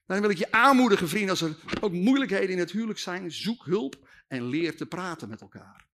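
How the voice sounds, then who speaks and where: A man from the Netherlands, preaching a comic storytelling sermon, animated and jokey. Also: sits high, brisk. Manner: animated, jokey, acting out voices.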